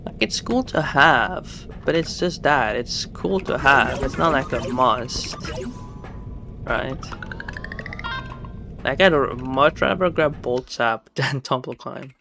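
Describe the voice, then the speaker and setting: A man's voice: medium pitch, expressive, slow, vocal fry. A man casually commenting on his solo game stream, rambling and correcting himself as he goes. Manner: rambling, self-correcting, chatty. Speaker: gamer streaming solo play. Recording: game music behind the voice.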